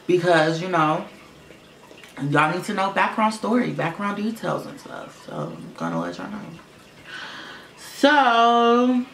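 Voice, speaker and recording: With a sing-song delivery, slow pace, vocal fry, and frequent pauses, this young vlogger rambles through a storytime monologue at home, filler-heavy and sweary. His fairly bright voice is one he describes as low for a boy, like a girl's. The room echoes, and a fish tank filter hums faintly.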